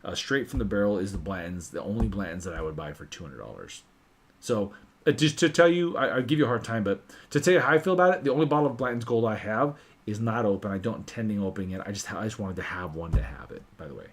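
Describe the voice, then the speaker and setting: A man hosting a casual whiskey livestream, animated and swearing freely as he tells stories. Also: on the low side, fast talker.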